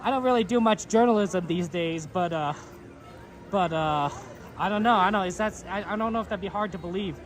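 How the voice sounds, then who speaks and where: Brisk and high-voiced, a man streams live and casually from a theme park. He reads the chat aloud in a rambling way, stumbling over fillers and restarts, while the crowd buzzes around him.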